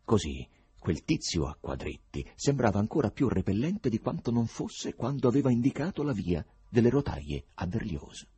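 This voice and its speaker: A man narrating a novel with a deep, low voice, reading expressively. His tone is husky and breathy throughout. His pitch rises and falls with lively animation. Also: moderate pace. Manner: expressive storytelling. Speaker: audiobook narrator.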